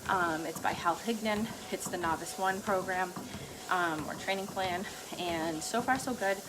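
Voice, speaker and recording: A woman's voice: lowish voice, a little slow, noisy background. A woman talking casually and ramblingly to herself as a vlogger while walking on a treadmill, often breaking into light chuckles. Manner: laughs lightly between phrases. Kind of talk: casual rambling solo talk.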